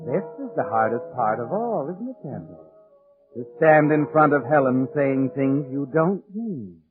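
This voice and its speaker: A man's medium-pitched voice swings widely in pitch and runs a little slow as he narrates a 1940s radio suspense drama with ominous insinuation. Dramatic music plays behind him, and the old recording sounds narrow and muffled.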